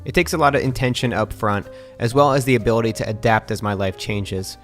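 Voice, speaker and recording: Thirties guy doing calm scripted vlog narration, lowish voice, faint music under it. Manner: calm, measured, even-toned. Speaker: vlogger and podcaster.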